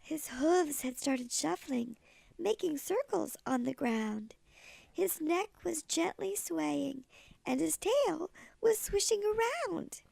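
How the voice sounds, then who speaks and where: A woman's voice: extremely high pitch, expressive, takes it slowly, gravelly, darkish tone, dry recording. A woman reading a children's storybook aloud in the manner of a sweet old lady. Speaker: storybook reader.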